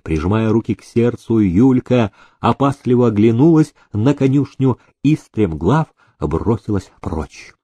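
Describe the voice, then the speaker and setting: A man narrating a historical novel as an audiobook in a measured, expressive way. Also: mid-range voice, dry recording.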